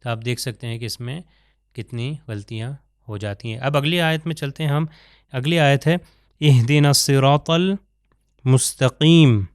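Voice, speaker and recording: A man teaching Quran recitation over slides, explaining letters and then slowly drawing out sample verses. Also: medium pitch, fairly even intonation, dry recording, studio quality. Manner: slow drawn-out sample recitations between explanations. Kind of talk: pronunciation lesson over slides.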